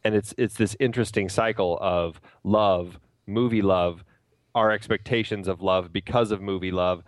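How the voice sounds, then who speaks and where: A middle-aged man with a somewhat low voice reflects on movies in a measured, thoughtful way and laughs easily. He is recorded close up on a podcast mic. The sound is dry, with no room echo. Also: steady tone. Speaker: podcast co-host. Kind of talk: casual film discussion.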